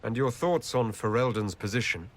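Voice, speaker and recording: A man playing a courteous elven leader in a video game, measured and earnest. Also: mid-range voice, animated, close to an everyday voice. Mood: diplomatic. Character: composed, courteous male elf leader, earnest and concerned. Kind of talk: dramatic video game dialogue.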